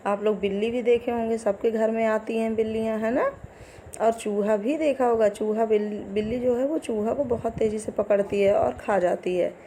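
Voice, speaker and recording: Brief: female primary teacher, mellow higher voice, slow deliberate delivery, faint background hiss. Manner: slow, patient, repeats words for children to echo. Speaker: primary school Hindi teacher. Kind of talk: recorded lesson for young children.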